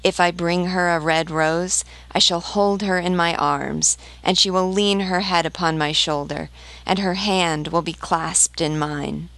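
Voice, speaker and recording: A woman reading the part of a lovesick young male student from a storybook, in a slow, wistful way. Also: lowish voice, steady tone, fairly bright tone, no echo. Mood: longing.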